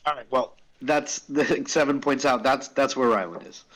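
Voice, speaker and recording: A man's voice: medium pitch, normal speed, fairly bright tone, poor audio. A man playing a tabletop game, methodically describing what his character does.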